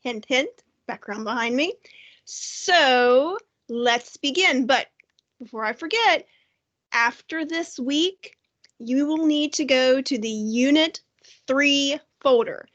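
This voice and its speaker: Upbeat woman art teacher, high bright voice, asks students questions, online class. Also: takes it slowly, dull audio. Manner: upbeat, talks directly to young students with questions. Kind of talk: recorded online art lesson. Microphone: computer mic, screen-shared lesson.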